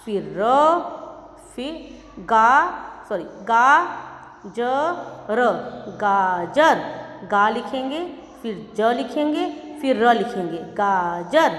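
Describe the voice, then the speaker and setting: A woman teacher with a fairly high voice, walking young pupils through a reading lesson. She speaks slowly and patiently, sounding out each letter. The room is echoey, with a long reverb tail. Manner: slow, patient, spells out letters one by one. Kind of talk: primary school Hindi lesson.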